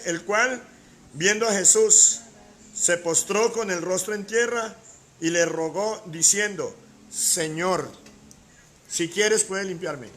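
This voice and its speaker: A man's voice: sits high, fairly bright tone, a little hiss or hum. A man preaching a sermon as pastor, emphatic, with rhetorical questions and repeated key words.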